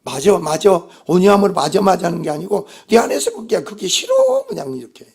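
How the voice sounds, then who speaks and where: A man's voice: sits high, expressive, fast talker, creaky, a little mellow, breathy edge. A male pastor delivering a Sunday sermon, emphatic and putting rhetorical questions to the congregation.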